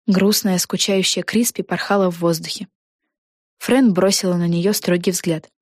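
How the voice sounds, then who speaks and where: A woman narrating a children's fantasy audiobook in a lively, expressive way. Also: fairly low pitch, moderate pace, dry recording, clean studio sound. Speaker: audiobook reader. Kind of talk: storybook narration.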